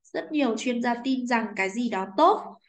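A woman's voice: a little high, lively intonation, normal speed. Patient Vietnamese-accented woman teaching English. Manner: patient, asks "right?" often. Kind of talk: explaining a textbook lesson.

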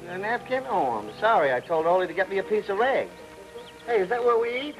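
An actor with a Brooklyn accent playing a cocky young mechanic who talks in brash, teasing wisecracks. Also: male voice, sits high, big pitch swings, a little fast, rough recording. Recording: 1940s film soundtrack with faint music.

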